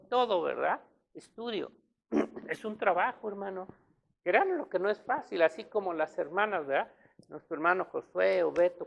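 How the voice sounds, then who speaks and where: Woman preacher giving a sermon, gravelly voice, keeps asking "right?" and clearing her throat. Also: lowish voice, lo-fi sound. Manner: emphatic, with frequent rhetorical tag questions.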